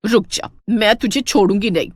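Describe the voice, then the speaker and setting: A woman voicing a proud, jealous middle-aged mother-in-law in a cartoon story, scolding and shrill when angry. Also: moderate pace, no room sound, clean studio sound, natural voice. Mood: furious.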